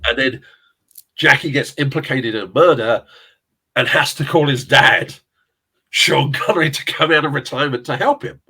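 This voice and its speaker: His medium-pitched voice comes across pushed, bright and slightly rough at a normal pace. The speaker, a middle-aged Englishman from South London who works as a casting director and actor, chats casually as an interview guest, rambling through film-industry tales, laughing often and swearing at times.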